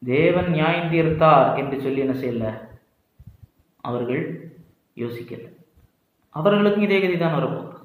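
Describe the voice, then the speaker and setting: ஒரு ஆண் பைபிள் வகுப்பு நடத்துகிறார். அவர் வசனங்களை உரக்க வாசிக்கிறார், தானே கேள்வி கேட்டு தானே பதில் சொல்கிறார். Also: male voice, fairly high pitch, normal speed, pauses often, phone-quality sound. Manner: asks questions and answers them himself, reads verses aloud. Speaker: Bible teacher. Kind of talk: Bible study lesson. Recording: very echoey room.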